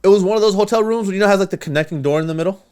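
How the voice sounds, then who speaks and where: Animated, swearing male podcast storyteller. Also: high-pitched, racing, smooth. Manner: animated, profane, acts out quoted voices. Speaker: podcast co-host. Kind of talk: casual storytelling.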